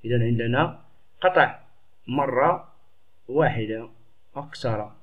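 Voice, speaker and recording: A male teacher explaining a lesson to pupils, patient and explanatory, repeating words slowly. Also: mid-range voice. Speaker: Arabic teacher. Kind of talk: classroom lesson. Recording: dull lo-fi recording.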